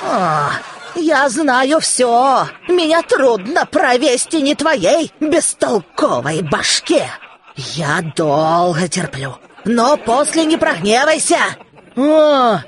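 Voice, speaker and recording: A woman voicing an angry village woman who slowly scolds and accuses a man. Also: fairly high pitch, very animated. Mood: scolding. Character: furious scolding village woman, middle-aged.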